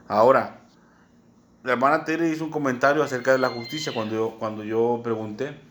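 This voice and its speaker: A man with a Mexican accent preaching a sermon, teaching slowly and often checking in with "¿verdad?". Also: medium pitch, fairly bright tone, slight background noise. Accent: Mexican Spanish. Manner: unhurried teaching tone, many "¿verdad?" asides, spells words out.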